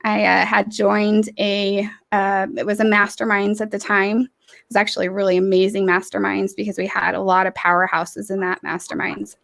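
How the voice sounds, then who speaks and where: A woman's voice: mid-range voice, flat delivery, moderate pace, vocal fry. A woman hosting an interview podcast over a video call, talking in a rambling, effusive way with many restarts and fillers. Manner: warm-hearted, rambling, lots of restarts and fillers. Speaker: podcast host. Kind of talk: casual interview chat. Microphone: earbud headset on a video call.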